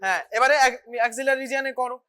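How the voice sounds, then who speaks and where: A clinical teacher giving a hands-on bedside demonstration, briskly instructing students step by step as they practise an examination. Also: high-pitched, pushed and bright. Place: hospital teaching ward.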